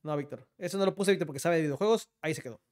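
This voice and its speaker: A young Mexican man teasing his co-host through a joking countdown, tacking the same name onto almost every sentence. His voice sits high for a man, and he talks fast. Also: a little mellow. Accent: Mexican Spanish. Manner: teasing, says "Víctor" after nearly every line.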